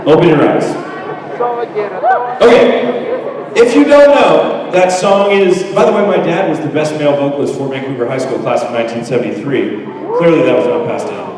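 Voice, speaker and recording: A man in his thirties, working as a teacher, gives a joking, candid graduation speech in a mid-range voice at a moderate pace, pausing often. He's self-deprecating, and the crowd noise comes through on an echoey recording made with a distant mic from far off in a large hall.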